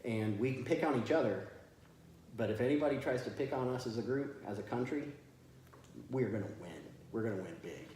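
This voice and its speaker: A military veteran being interviewed, telling stories in a chatty, good-humored way. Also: male voice, mid-range voice, a little fast, warm tone. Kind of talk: casual storytelling in an interview. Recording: very echoey room with faint noise.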